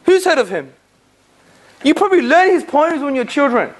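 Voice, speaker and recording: In a low-quality recording from a room with a live audience, a high-pitched speaker gives a very animated, lively talk on faith and philosophy at a moderate pace. They keep firing rhetorical questions at listeners and break into jokey asides with bursts of laughter.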